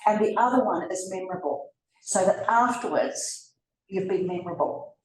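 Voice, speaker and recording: Speaking at normal speed in a medium, darkish voice, this New Zealand-accented woman presenter chats with a live crowd in an event room and throws in asides to them. It's captured from a distance in a roomy space, with slight hiss or hum.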